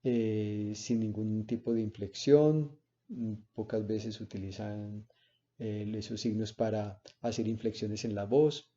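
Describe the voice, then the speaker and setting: Male lecturer, very dark warm voice, seminar talk full of "eh" and "¿cierto?", slightly dull recording. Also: fairly low pitch, fairly even intonation, slow. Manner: explains with spoken examples and frequent "¿cierto?" and "eh".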